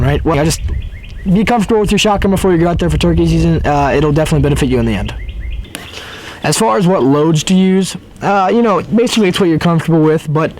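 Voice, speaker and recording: A man's voice: a little high, a little hiss or hum. A man casually explaining things to viewers as a hunting video host, recorded outdoors. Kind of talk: casual explanatory talk to camera.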